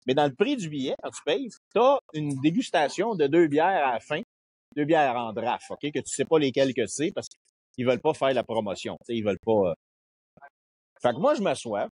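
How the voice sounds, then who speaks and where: A man with a Québécois accent tells a story in casual podcast chat. His voice is husky and a little rough. He slips into quoted voices as he goes, and his pitch sits in the middle. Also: moderate pace, no room sound. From Quebec. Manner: lively anecdote teller, slips into quoted voices. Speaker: podcast guest.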